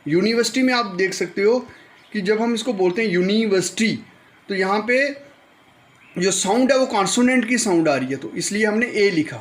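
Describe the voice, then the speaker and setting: Man, high voice, grammar teacher, patient step-by-step explaining, slow repeated examples. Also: lively intonation. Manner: explains step by step, repeats examples slowly, mixes English words into Hindi. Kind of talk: classroom lesson explaining grammar.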